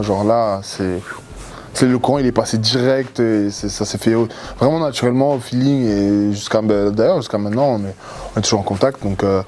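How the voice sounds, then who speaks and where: Young adult man from Cameroon, ex-reality contestant, low-pitched, casual and meandering in interview. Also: a little hiss or hum. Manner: relaxed, rambling, many fillers and repeated words. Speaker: former reality show contestant.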